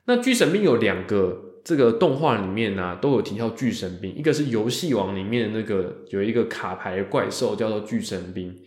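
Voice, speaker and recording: A man's voice: lowish voice, lively intonation. A man hosting a podcast alone, talking casually and chattily, often stretching out the sounds that end his phrases. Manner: chatty, with drawn-out particles ending phrases. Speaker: podcast host. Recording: roomy echo.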